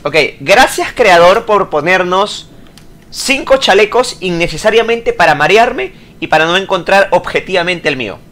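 A man doing loud let's-play commentary, swearing, yelping and ranting at the game. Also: high-pitched, expressive, moderate pace. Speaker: gaming YouTuber.

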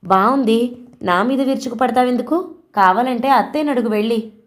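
A timid, fretful elder sister who talks in a hurry, voiced by a woman a little higher than her reading voice. Storybook reading. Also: lightly acted. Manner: fretful, hurried.

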